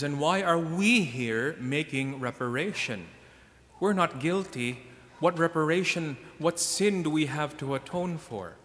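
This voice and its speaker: A man who is a priest, reading the Gospel and preaching in a measured, solemn way, his voice carrying a cathedral echo through a large church. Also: mid-range voice, a bit bright, slight background noise. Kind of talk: liturgical reading and homily. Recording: long church reverb in a large hall.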